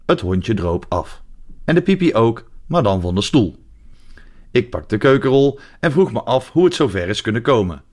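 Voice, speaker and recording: A man's voice: medium pitch, big pitch swings, normal speed, a little mellow. A Dutch man in his forties with a Dutch accent, reading his humorous column aloud on the radio in a dry, ironic way. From Netherlands. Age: 40s.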